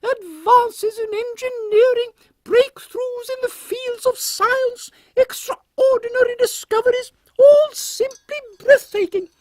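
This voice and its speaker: A man acts out an imperious British queen in a steampunk audio comedy. The voice is extremely high, measured and condescending, with dry regal wit. It is recorded close and dry, with no room sound. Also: fairly even intonation, dry recording. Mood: regal, grave. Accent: British English. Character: imperious, drily witty middle-aged Queen Victoria.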